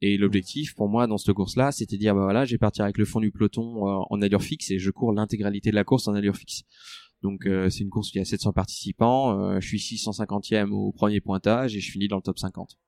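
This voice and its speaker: Mec qui parle de son entraînement, un peu grave, plein de euh, son sec. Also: male voice, on the low side, fairly even intonation, quick pace, a little mellow, dry recording, studio quality. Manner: hesitant, many fillers and restarts. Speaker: ultra-trail runner guest. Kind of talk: conversational interview.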